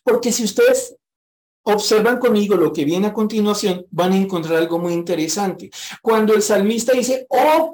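A man preaching a sermon who reads scripture aloud and then explains it frankly, slowing down to repeat a verse with rising emphasis. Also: sits high, a little mellow.

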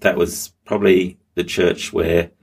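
This is a middle-aged Australian pastor giving testimony as an interview guest, stumbling through ums and restarts. He speaks unhurriedly in a low, level, slightly rough voice.

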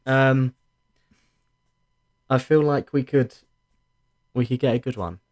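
A man with a medium-pitched voice talks informally about sport. He sounds like a podcast co-host in casual conversation. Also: slow, a little mellow.

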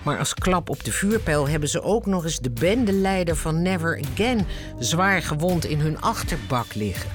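A man's voice: on the high side, very animated, normal speed. A man giving scripted, wry narration for an audio drama. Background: music.

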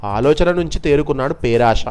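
A man narrating a folk tale in a measured, expressive telling. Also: fairly high pitch, clear, resonant tone. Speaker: storyteller. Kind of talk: storytelling narration. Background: faint background music.

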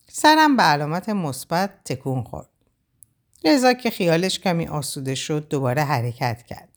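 A woman reading a first-person novel aloud with expressive, emotional storytelling. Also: deep voice. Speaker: audiobook narrator.

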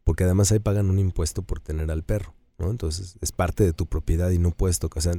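Lively Mexican man, dark dry voice. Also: sits low, fast talker, no echo. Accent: Mexican Spanish. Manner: animated, acts out quoted dialogue in a raised voice. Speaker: co-host. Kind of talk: casual chat about dogs.

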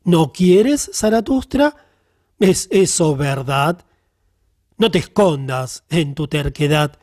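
A man voicing a stern, voiceless spirit of the silent hour in an audiobook, speaking slowly and solemnly. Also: on the high side, animated, darkish tone, no room sound, studio quality. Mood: stern, admonishing.

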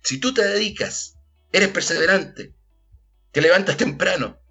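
A man's voice: sits high, animated, measured pace, gravelly, sharp tone, husky, faint music behind. A middle-aged Chilean man, a theater actor and director, talking earnestly in an interview and often tagging his points with a questioning "ah?". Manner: earnest, keeps adding questioning tags. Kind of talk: reflective interview talk.

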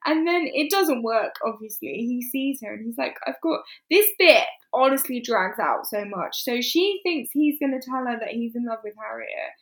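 A woman with a high, bright voice chats casually about a film. She is animated, laughs often and acts out the characters' lines as she retells the plot. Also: normal speed, few pauses.

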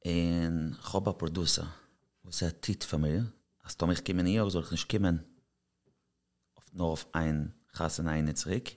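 A man's voice: low-pitched, steady tone, normal speed, a little mellow. A man from Israel, a singer, talking as a podcast guest in an easygoing, storytelling way. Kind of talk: casual interview chat.

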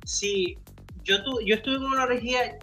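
A man's voice: very high voice, sharp tone, faint music behind. A man with a Venezuelan accent, a podcast guest, talking bluntly and jumping into the conversation. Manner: blunt, quick to jump in. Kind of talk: casual chat.

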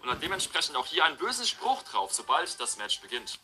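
A man's voice: on the high side, very animated, brisk, very noisy. A man hosting a casual video, explaining game voice lines at length with many fillers. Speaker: video host.

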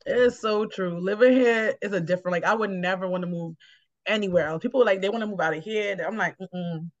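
Hosting a casual reflective chat, a New York woman rambles encouragingly as she explains things, speaking briskly at medium pitch. There is no echo; the sound is dry, slightly dull, and lo-fi.

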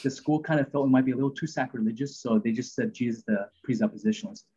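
A man's voice: mid-range voice, racing, mellow, slightly rough, muffled recording. A man hosting a podcast, talking through Bible passages in an earnest, rambling way with many fillers and restarts. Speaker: podcast host. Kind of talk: casual Bible teaching chat.

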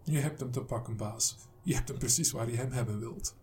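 A man's voice: medium pitch, brisk, a little mellow, a little hiss or hum, natural voice. A man reading a gloating hotel guard. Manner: mocking, grinning.

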